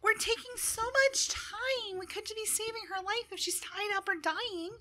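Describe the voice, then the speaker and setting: A woman's voice: very high-pitched, moderate pace, sharp tone, voice pushed up. A woman playing an indignant little female gnome hero who argues insistently.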